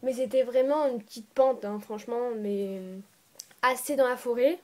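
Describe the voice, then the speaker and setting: A woman with a fairly high voice tells a storytime tale in a loose, chatty way. She wanders off on tangents and restarts her sentences, like she's talking straight to her viewers through a phone or tablet. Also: moderate pace. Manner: rambling, chatty, often restarts and corrects herself. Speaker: storytime vlogger. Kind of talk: casual storytime narration. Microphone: phone or tablet voice recording.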